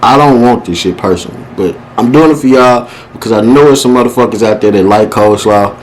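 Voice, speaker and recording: A man's voice: on the low side, fast, slight background noise, low-quality recording. A man hosting a casual eating show, talking with his mouth busy in a playful, exaggerated, slangy and profane way. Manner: talks while eating. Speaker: vlogger hosting a mukbang.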